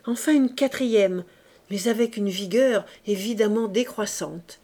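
A woman reading a classic tale aloud as an audiobook narrator, slow and measured, giving the characters' dialogue its own delivery. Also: mid-range voice, warm tone. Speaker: audiobook reader. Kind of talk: scripted narration.

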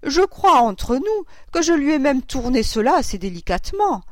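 A woman's voice: high-pitched, very animated, normal speed, no room sound, clean studio sound, pitched above the performer's own voice. A woman voicing a prim elderly aunt in a classic novel read aloud, who sounds pleased with her own tact.

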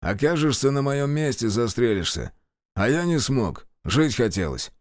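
A man's voice: mid-range voice, very animated, no room sound, clean studio sound, close to an everyday voice. A man reading as a bitter, weary war pilot. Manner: slow, gruff, bitterly candid. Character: weary wounded middle-aged male pilot, bitter.

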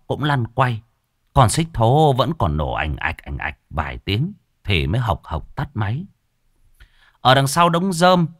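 A man narrating a ghost story in an expressive, folksy storytelling manner. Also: medium pitch, no echo, studio quality.

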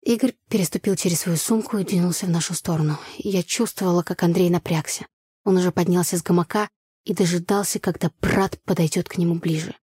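Low, husky woman narrating a story. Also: steady tone, quick pace, dark tone, no room sound, clean studio sound. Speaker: audiobook narrator. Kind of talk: first-person audiobook narration.

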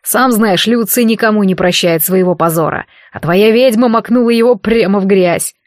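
A woman reading an audiobook voices a burly male guard who mocks and bullies his captive in a gruff, rough way, recorded close and dry. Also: mid-range voice, moderate pace, dry recording, lightly acted. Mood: mocking. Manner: gruff, jeering. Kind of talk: audiobook character voice.

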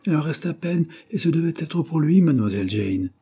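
A man's voice: fairly high pitch, very animated, fairly quick, mellow, husky, voice pushed up, heavily acted. A man voicing a female household servant who grumbles with faint scorn. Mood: grumbling.

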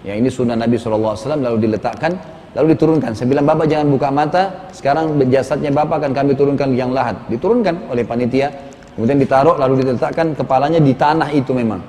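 A man preaching a sermon, telling a story slowly and emphatically with dramatic rises in his voice. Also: medium pitch, dark tone, in a large hall, slight background noise. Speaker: Islamic preacher.

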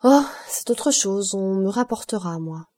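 A woman reading a grave, resigned nobleman. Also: mid-range voice. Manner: calm, measured, resigned. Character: grave, fatalistic nobleman count.

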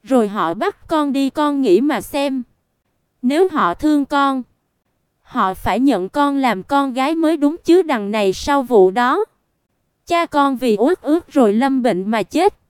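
Brief: tearful middle-aged mother, pleading, high smooth voice, read by a woman narrator. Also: expressive, unhurried, dry recording, clean studio sound. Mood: fearful.

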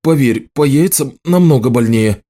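Man doing a gruff burly young woodcutter. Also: mid-range voice, lively intonation, moderate pace, lightly acted. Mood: sullen. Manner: gruff, growling shouts. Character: burly young male woodcutter, blunt and defensive.

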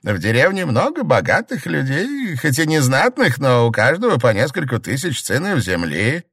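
A man reading an audiobook and voicing a chatty, humble old peasant grandmother, raising his pitch high and drawing out her exclamations. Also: vocal fry, fairly bright tone, dry recording, studio quality, heavily acted. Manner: high, exclaiming, drawn-out cries. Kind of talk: audiobook character voice.

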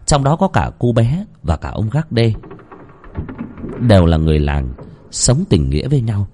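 Expressive male storyteller. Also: lowish voice, normal speed, noisy background. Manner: dramatic, expressive delivery. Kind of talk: dramatic ghost story narration.

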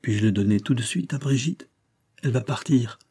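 A man reading an audiobook, voicing an earnest, excited little boy who has just become heir to a title. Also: mid-range voice, moderate pace, husky, dry recording, clean studio sound. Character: eager, kind-hearted little boy heir.

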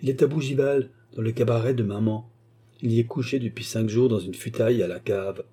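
A man's voice: mid-range voice, steady tone, a little fast, mellow, slightly rough, lightly acted. A man voicing a cocky, sly young rascal with an insolent, mocking manner in a storybook reading.

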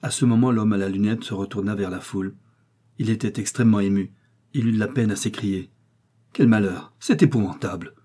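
Low, dark-voiced male audiobook narrator. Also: steady tone, fairly quick. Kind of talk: scripted narration of a novel.

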